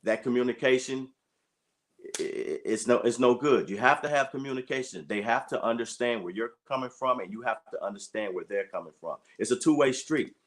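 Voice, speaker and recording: A man's voice: medium pitch, brisk. Earnest man in his late fifties. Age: 50s. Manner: earnest, repeats "you know" often. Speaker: guest, track and field coach. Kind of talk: conversational interview.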